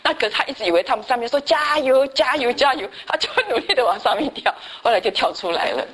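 A woman's voice: a little high, rapid-fire, a little hiss or hum, low-quality recording. Chatty woman teaching a church class. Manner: lively storyteller, tags sentences with a chatty particle, asks the class questions. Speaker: church Bible study teacher.

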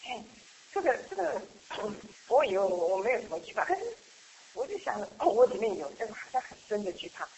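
A middle-aged woman sharing a personal church testimony in a chatty, halting way, with frequent laughs and restarts. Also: fairly high pitch, sing-song, gravelly, warm tone, slight background noise, low-quality recording. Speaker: church member giving a testimony. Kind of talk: casual spoken testimony.

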